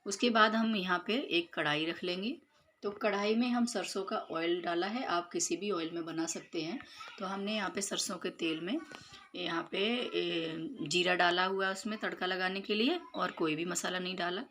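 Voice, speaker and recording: A woman's voice: lowish voice, normal speed, fairly bright tone, slight background noise. Chatty woman narrating home cooking. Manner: chatty, explains step by step with many fillers. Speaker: home cooking vlogger and mother. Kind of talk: casual voice-over narration of cooking and chores. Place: home kitchen.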